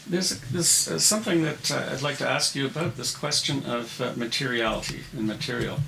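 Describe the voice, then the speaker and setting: A man interviewing an artist, putting his questions in a halting, tentative way. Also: medium pitch, gravelly. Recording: roomy echo, faint noise.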